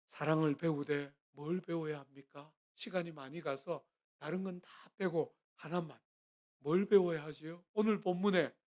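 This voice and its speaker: A middle-aged man, a guest pastor, preaching a sermon in a church, earnest and swinging between quiet and loud. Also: high-pitched. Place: church sanctuary.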